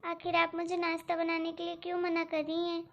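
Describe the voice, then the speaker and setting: A woman voicing a dutiful young daughter-in-law who speaks politely and softly, eager to please, in a cartoon story. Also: very high voice, fairly even intonation, moderate pace. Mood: worried. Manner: polite, soft-spoken, anxious to please.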